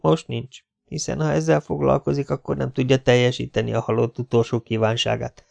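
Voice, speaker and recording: A man reading an audiobook as narrator, with steady storytelling. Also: medium pitch, vocal fry, dull audio. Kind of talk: scripted narration.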